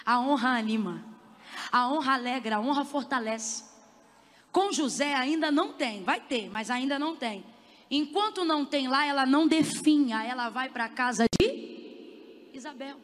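A woman preacher with a high, bright voice delivers an impassioned sermon, building to fervent shouts. Her words ring out with a long reverb in a big conference hall. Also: normal speed.

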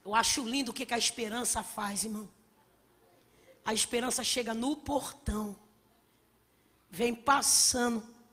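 A woman preaching a sermon with passion, swinging between shouts and hushed asides, in a church hall. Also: a little high, fairly even intonation, a little slow, long pauses, slightly rough. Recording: long reverb of a large hall.

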